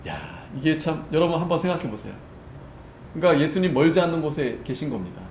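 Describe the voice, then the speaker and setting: Pastor guy preaching in a roomy church, slightly high voice, keeps asking the congregation "right?". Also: very animated, fast, slight background noise. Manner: conversational, keeps checking with listeners; acts out quoted speech with sharp loud-soft swings. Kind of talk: Sunday sermon. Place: church sanctuary. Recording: echoey church room, faint ambience.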